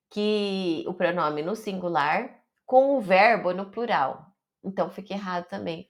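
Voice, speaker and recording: A woman with a Brazilian Portuguese accent teaching an online Italian lesson, carefully stretching out her example words. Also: medium pitch.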